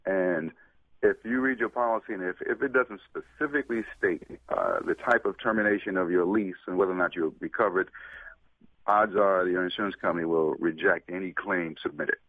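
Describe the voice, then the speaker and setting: A man, a consumer protection attorney, speaking over the phone as a radio talk show guest and giving measured, deliberate legal explanations. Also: deep voice, dry recording. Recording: tinny phone line.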